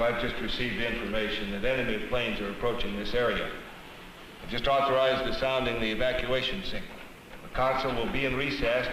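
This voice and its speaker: A man making a formal, deliberate emergency address as an official to a council. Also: medium pitch, lightly acted. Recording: echoey hall, distant, faint noise.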